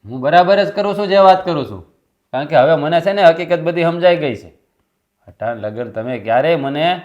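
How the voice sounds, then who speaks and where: An actor playing a resentful younger brother who insists on taking over the business in a family drama. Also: male voice, fairly high pitch, a little mellow, highs cut off, lightly acted. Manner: defiant, insistent. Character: resentful younger brother demanding his share. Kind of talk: Gujarati family stage drama.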